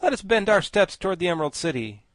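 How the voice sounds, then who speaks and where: A man voicing a pompous, learned male insect gentleman with grand, formal speech. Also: high voice, big pitch swings, fast talker, no room sound, pitched above the performer's own voice. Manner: grandiloquent, formal, self-satisfied. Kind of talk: audiobook character voice.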